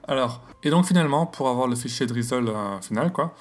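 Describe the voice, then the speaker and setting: A man with an English accent hosting a screen-recorded astrophotography software tutorial, talking casually and hesitantly with many fillers and self-corrections. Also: mid-range voice, lively intonation, fairly quick.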